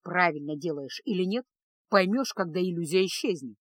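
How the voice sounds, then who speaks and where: A woman puts on a gloomy male mage in a storybook reading. He talks low and measured, like a teacher who has explained this too often. The sound is dry and close. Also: lively intonation, breathy edge, no echo. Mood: calm lecturing.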